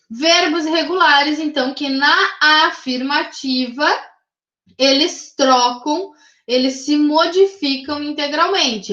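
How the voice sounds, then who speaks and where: A high-pitched woman with a Brazilian Portuguese accent walks her class through grammar rules step by step, patient and methodical, checking in every few phrases. Her voice sits in a roomy space, and the recording sounds slightly dull. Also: fairly bright tone. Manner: patient, methodical, checks in with frequent tag questions. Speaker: English teacher.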